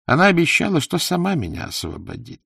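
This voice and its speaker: A man's voice: a little high, huge pitch swings, gravelly, fairly bright tone, breathy edge, dry recording, studio quality, voice pushed up, full character voice. A man voicing a plaintive, wheedling older male merchant held as a slave, sighing and complaining as he talks. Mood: boastful. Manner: whiny, sighing, fast-talking complaints.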